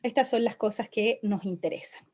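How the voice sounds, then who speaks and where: A young woman teaches physics in a recorded online lecture at normal speed, her medium-pitched voice a little mellow. She walks through each step and frequently checks in with students, though the lecture audio is dull and lo-fi.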